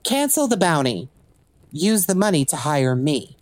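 A woman with a deep, darkish voice plays a cocky legendary assassin and thief for hire in an audio drama, drawling smug, theatrical taunts. She's very animated yet unhurried, scornful and commanding, and the recording is dry.

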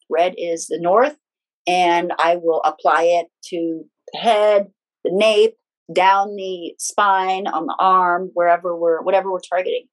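A woman speaking as an interview guest and healing practitioner, explaining things conversationally in halting steps with restarted phrases. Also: on the low side, rough recording.

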